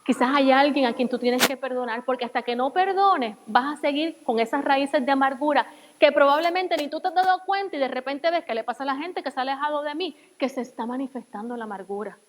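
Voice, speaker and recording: A woman preaching as a guest speaker, giving an earnest personal testimony that drops to soft, quiet passages. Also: sits high, fairly quick, long reverb tail, low-quality recording. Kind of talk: sermon.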